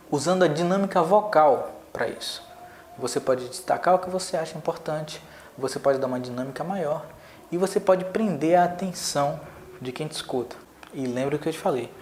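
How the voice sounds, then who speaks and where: An emphatic man teaches public speaking straight to the camera, repeating phrases to drive points home and shifting pitch and pace. His voice carries a roomy echo, with faint ambience underneath. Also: a little hiss or hum. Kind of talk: direct-to-camera lesson. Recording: echoey room with faint ambience.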